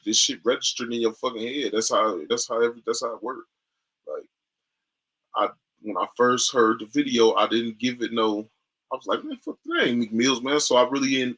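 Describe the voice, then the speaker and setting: A man's voice: mid-range voice, a bit bright, husky, low-quality recording. A man in casual chat, insistently arguing his point in a rambling, profane way.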